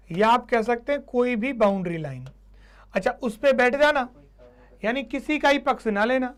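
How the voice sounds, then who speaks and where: A man teaching a live online class, who keeps repeating points and quizzing his students. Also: extremely high pitch. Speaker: English teacher.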